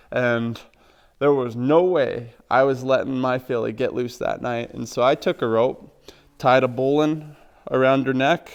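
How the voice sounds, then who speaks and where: A man showing how to tie knots for working with horses. He talks slowly and in a practical, step-by-step way. His voice is smooth and clear, pitched at a middle height. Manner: plain, practical, step-by-step explaining. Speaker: horse trainer. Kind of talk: instructional demonstration.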